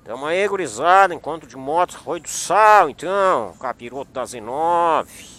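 Man, motovlogger, jokey mock arguing, very animated pitch. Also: normal speed. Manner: excitable, joking mock confrontation. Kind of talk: casual vlog chat. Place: outdoors at a motorcycle meetup.

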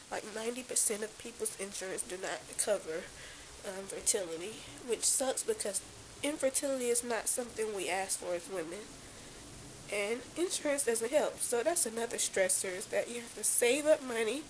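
A woman in her thirties, tearful as if after crying, speaking in a drained, downcast way in an emotional confessional vlog. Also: on the high side. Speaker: vlogger. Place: small bedroom, lying in bed. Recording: hissy, noisy home camera recording.

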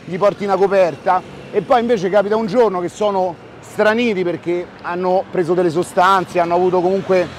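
A man's voice: sits high, fairly even intonation, fairly quick, hardly any pauses. A man in his forties with a Roman Italian accent, explaining things to camera as a street vlog host. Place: outdoors on a city street. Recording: street recording with faint traffic noise.

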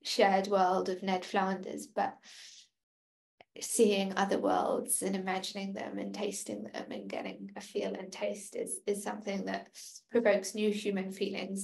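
A woman's voice: medium pitch, unhurried, gravelly, a little mellow. A woman speaking on a video call in an academic panel discussion, in a reflective, flowing way. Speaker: keynote speaker.

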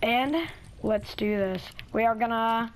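A woman's voice: a little high, slight background noise, low-quality recording. Chatty young woman gaming host. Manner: chatty, talks fast and restarts often. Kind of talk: casual gameplay chat.

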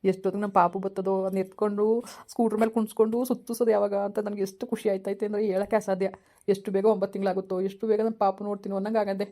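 A man's voice: high-pitched, level tone, rapid-fire, mellow, close to an everyday voice. A man, acting a caring, apologetic young husband who soothes his wife in a village skit. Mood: comforting. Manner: soothing, reassuring.

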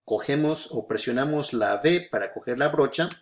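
Man, tutorial host, mid pitch, patient step-by-step explanation, frequent hesitation fillers. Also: expressive, moderate pace. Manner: patient, repeats steps, frequent filler "eh" and "¿no es cierto?". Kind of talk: screen-recorded software tutorial.

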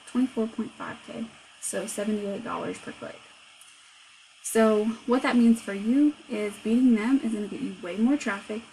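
A woman's voice: mid-range voice, gravelly, darkish tone, a little hiss or hum, poor audio. A woman who owns a marketing agency, talking through a screen recording step by step in a casual, conversational way. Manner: conversational, explaining step by step with frequent "so". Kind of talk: screencast walkthrough.

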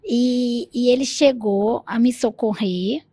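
A soft-spoken woman with a Brazilian Portuguese accent, hosting a podcast in a gentle, quiet manner. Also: fairly high pitch, slow pace, breathy edge, no room sound. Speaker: podcast host. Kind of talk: casual conversation.

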